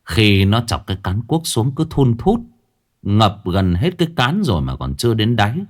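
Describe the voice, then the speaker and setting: A man's voice: on the low side, sing-song, normal speed. A man narrating a ghost story in a dramatic storytelling manner.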